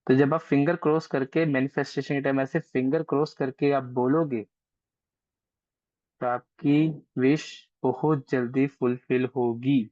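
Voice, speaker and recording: A man's voice: medium pitch, fairly even intonation, unhurried, darkish tone, no echo. A man teaching an online astrology class in a casual, chatty way, coaxing and teasing his students, heard over a video call. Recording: dry, dull lo-fi call audio.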